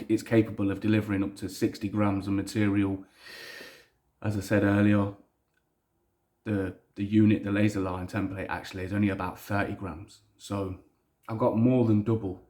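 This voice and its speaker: A man with a Leicester accent speaks in a fairly low voice, recorded in an echoey room. He rambles casually without a script. His manner is blunt and self-deprecating, with plenty of swearing. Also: little pitch movement, normal speed, a little mellow. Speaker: maker presenting a DIY project vlog. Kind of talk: casual unscripted monologue. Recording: roomy, echoey indoor sound.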